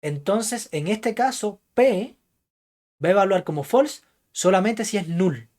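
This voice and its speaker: A male lecturer explaining code to a class, pausing often to check that students follow and putting questions to them. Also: sits high, animated, darkish tone. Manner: keeps checking understanding with "¿ya?" and "¿entiendes?"; thinks aloud, hedging what he recalls. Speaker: programming lecturer.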